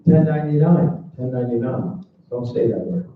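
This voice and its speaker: A man's voice: medium pitch, steady tone, normal speed, a little hiss or hum. A man working as an auctioneer at a live auction, calling lots and bids in repetitive patter full of numbers. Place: large echoey auction room. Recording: echoey hall from far off, muffled phone-like sound.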